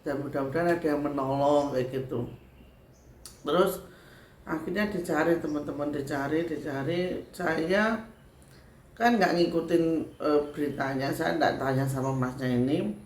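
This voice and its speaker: A spiritual medium from Sragen, Central Java, Indonesia, chats to her viewers in a casual storytelling style, looping back with filler tags and speaking with a Javanese accent. Her deep voice moves at normal speed with frequent pauses. The room is echoey with faint background ambience and a little hiss or hum.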